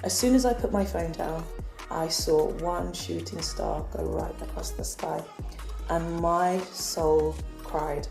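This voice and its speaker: English woman vlogging, earnest personal story, mellow low voice, faint music in the background. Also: sing-song, takes it slowly, creaky, reverberant. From England. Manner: earnest, confessional. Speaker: spiritual vlogger.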